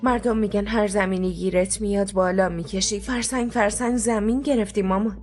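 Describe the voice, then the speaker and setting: A woman's voice: mid-range voice, steady tone, darkish tone, soft background music, natural voice. A young woman dubbing a studious daughter in a TV drama, defensive and pleading with her mother. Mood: earnest. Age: young adult. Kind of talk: dubbed TV drama.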